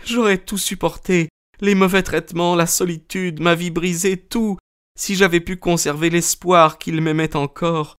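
A man's voice: fairly even intonation, normal speed, clean tone, no room sound, studio quality, lightly acted. Man voicing a distraught young woman. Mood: sobbing, bitter. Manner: breathless, high pleading delivery.

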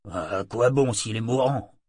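A gruff, worn-out ship's mate speaks low and slow, with clipped, curt replies, as a male narrator plays him. The recording is dry and close to the mic. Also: a little mellow, no room sound.

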